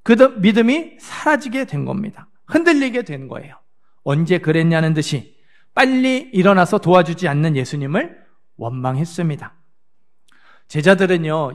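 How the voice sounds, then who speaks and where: A male pastor giving a Sunday sermon in a church. He asks the congregation questions and answers them himself. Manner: acts out the disciples' frantic words in a higher voice. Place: church sanctuary.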